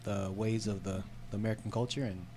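A man in his thirties, a podcast guest from San Diego, talking about his life in a relaxed, unhurried way with fillers, into a studio mic. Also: lowish voice, a little hiss or hum. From San Diego, California. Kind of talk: casual podcast chat. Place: small studio with red curtains. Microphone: studio mic on boom arm, headphones.

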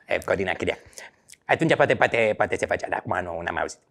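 A man's voice: low-pitched, animated, vocal fry, heavy background noise. A man in his thirties, a radio host and comedian, chatting as an interview guest in a joking, sarcastic way. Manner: joking and sarcastic, breaks into loud mock quotes. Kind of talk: casual interview chat.

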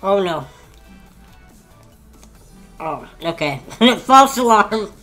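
A woman's voice: mid-range voice, very animated, extremely slow, a bit bright, soft background music. Woman talking with her mouth full. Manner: chatty, laughs easily. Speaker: vlogger. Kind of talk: casual food tasting vlog.

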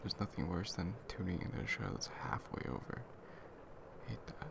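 Man acting as caring young boyfriend, very creaky low voice, relaxed intimate role-play, conversational. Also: normal speed, exaggerated voice. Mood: drowsy, chatty. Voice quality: gravelly. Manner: relaxed, conversational, casual murmuring. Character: laid-back, caring young man, the listener's best friend. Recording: clear background noise, ambient sound.

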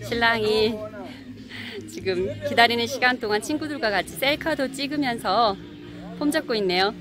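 A woman's slightly high, expressive voice moves at normal speed through casual voice-over narration of a wedding outdoors in Kenya, with plenty of laughter. Crowd noise and music fill the background.

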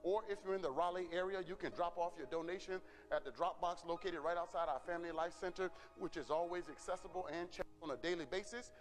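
A man's voice: high-pitched, fast talker, few pauses, long reverb tail. A middle-aged man, a pastor, giving church announcements in an earnest way, often repeating words and asking "Amen?".

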